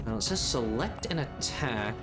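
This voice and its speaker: A man's voice: medium pitch, expressive, moderate pace. A man hosting a gaming video, thinking aloud in casual, hesitant commentary as he plays. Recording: game music behind the voice.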